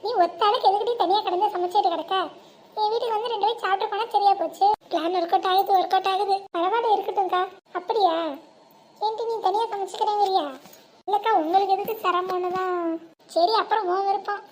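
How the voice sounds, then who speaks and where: Cartoon village housewife acted by a woman: gossipy, crafty, extremely high voice, rural Tamil Nadu accent, faint ambient noise. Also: steady tone, fast talker, darkish tone. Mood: chatty. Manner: colloquial, exclamatory.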